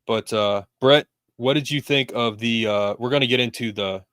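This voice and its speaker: A man's voice: medium pitch, normal speed, a bit bright, smooth, dry recording, clean studio sound. A man hosting a casual sports podcast, talking loosely with lots of fillers. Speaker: podcast host.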